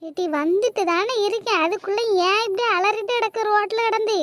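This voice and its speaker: A woman's voice: very high voice, fairly quick, fairly bright tone. A woman voicing a sly, gossiping village woman thief in a cartoon, calling out. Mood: impatient. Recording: noisy cartoon voice track.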